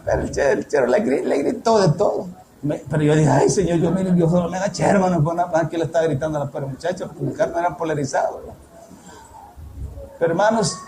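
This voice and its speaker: A man preaching a sermon in a very high voice. He speaks directly to the congregation, keeps asking them questions and dwells slowly on each verse. The sound rings through an echoey church hall with a faint hiss behind it. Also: darkish tone. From El Salvador. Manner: addresses the congregation directly, with repeated rhetorical questions; slow, emphatic delivery of scripture.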